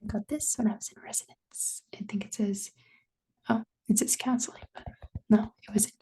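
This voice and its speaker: This ASMR creator, a young Canadian woman, speaks in a breathy whisper right up against the microphone, rambling casually and apologizing as she goes. The voice is mid-pitched and warm, holding a steady tone at a normal speed.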